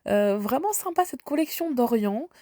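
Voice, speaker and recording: A woman's voice: on the high side, lively intonation, moderate pace, mellow, no echo, studio quality. A woman from France with a slight head cold, chatting casually and enthusiastically while walking through a large store. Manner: chatty, enthusiastic, lots of fillers. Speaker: shopping vlogger. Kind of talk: casual shop walkthrough.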